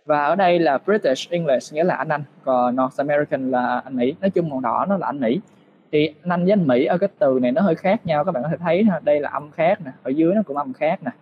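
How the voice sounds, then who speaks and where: Male English teacher, fairly high voice, patient step-by-step tutorial delivery, muffled desk-mic sound. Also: fast, slight background noise. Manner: patient, explaining step by step with rhetorical questions. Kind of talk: screen-share tutorial lesson.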